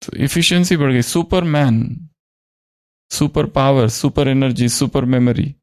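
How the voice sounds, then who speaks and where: A man's voice: mid-range voice, steady tone, measured pace, a little mellow. A man leading a spiritual study class, quizzing the group with questions and repeating their answers.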